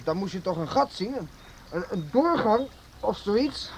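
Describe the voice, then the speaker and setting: An actor playing a sceptical, teasing but loyal boy adventurer in a Dutch audio drama, halting and repeating words when alarmed. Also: sits high, lively intonation. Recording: noisy recording with rushing water.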